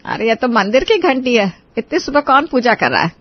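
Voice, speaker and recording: A woman voicing a proud, kindly middle-aged mother-in-law in a cartoon, speaking gently and admiringly. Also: a little high, sing-song, a little fast, slightly rough, dry recording, highs cut off.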